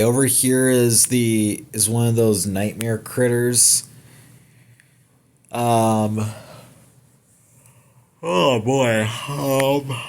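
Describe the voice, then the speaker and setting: A man's voice: medium pitch, a little mellow. A young man hosting a gaming channel, giving a casual, rambling trailer breakdown with many fillers, restarts and casual swearing.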